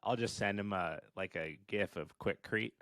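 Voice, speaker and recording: A man's voice: fairly low pitch, normal speed, a bit bright, no room sound. A man hosting a podcast, chatting casually with enthusiastic laughs and casual swearing. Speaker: podcast host.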